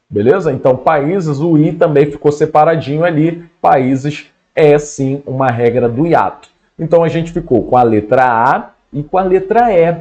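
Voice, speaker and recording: A man's voice: fairly high pitch, a little mellow. A man with a Brazilian Portuguese accent giving an exam-prep grammar lesson in a casual way, often checking in with his students. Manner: casual, keeps checking in with "beleza?".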